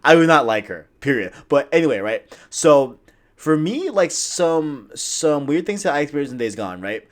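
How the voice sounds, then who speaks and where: A man's voice: a little high, very animated, normal speed. A man co-hosting a casual gaming podcast, talking animatedly in long runs full of "like" and "right?". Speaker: podcast co-host.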